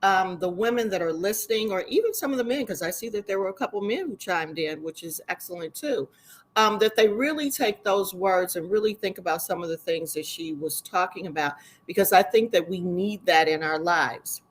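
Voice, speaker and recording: A woman's voice: lowish voice, animated, a little fast, low-quality recording. A middle-aged woman educator speaking as a panelist, talking in a conversational way with frequent ums. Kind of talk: online panel talk.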